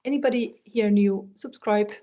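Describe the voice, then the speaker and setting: Speaking in halting, non-native English with a Finnish accent, a woman from Finland casually reads tarot for live-stream viewers and thinks aloud as she chats. Her medium-pitched voice sounds warm. She records on a phone in a warm indoor room.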